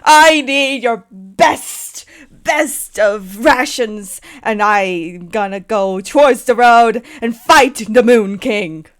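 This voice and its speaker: A woman voicing an overeager, cheerful male knight who booms out his lines, oblivious and boastful. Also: slow, smooth. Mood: boisterous.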